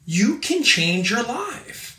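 Man in his forties, podcast host, motivational talk, high lively voice, bright tone, roomy echo, a bit off-mic. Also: slow pace, recorded from a distance. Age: 40s. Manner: energetic, emphatic, repeats phrases for emphasis. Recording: echoey room, voice off-mic.

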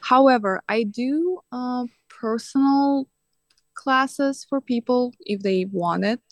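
A coach and teacher whose first language is Russian appears as a guest on a casual podcast interview, speaking earnestly with slightly non-native phrasing and fillers. Her voice is on the high side and slow, and the recording is dry.

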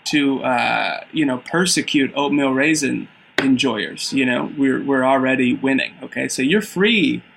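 A man's voice: mid-range voice, unhurried, vocal fry, a bit bright, poor audio. A man comedian making a mock-reasonable, earnest argument in casual podcast banter. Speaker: comedian, debate guest.

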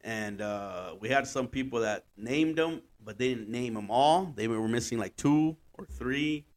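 A man's voice: mid-range voice, expressive, unhurried. A man hosting a casual solo podcast in loose, slangy talk, repeating phrases for emphasis and swearing freely. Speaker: podcast host.

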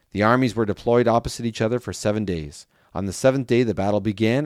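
A man reading scripture aloud at a steady, measured pace. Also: lowish voice, dry recording, clean studio sound. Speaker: scripture reader.

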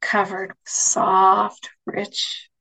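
A woman leading guided relaxation imagery as an instructor, speaking softly and soothingly, with phrases that sink toward a breathy near-whisper. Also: mid-range voice, monotone, very slow, slight background noise, rough recording.

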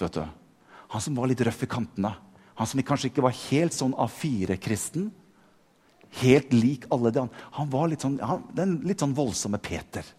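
A man's voice: mid-range voice, a little mellow, slightly rough, long reverb tail. A man preaching a sermon, often repeating words as he builds up and growing more fervent as he goes.

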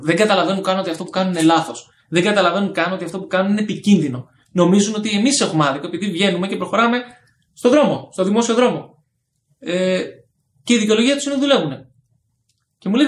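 A man telling a personal story casually, acting out the dialogue with lively energy. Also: high voice. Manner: animated, acts out quoted dialogue. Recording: echoey room with faint background noise.

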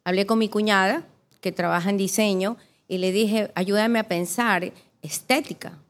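A woman's voice: mid-range voice, steady tone, moderate pace. A middle-aged woman who founded a spa, casually recalling her early years and thanking her clients. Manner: warm reminiscing, grateful.

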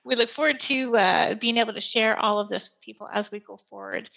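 A woman's voice: a little high, brisk, gravelly, a bit bright, highs cut off. A woman hosting a podcast, explaining in a chatty, plain-spoken way as a pet store expert. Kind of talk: casual explanatory podcast chat.

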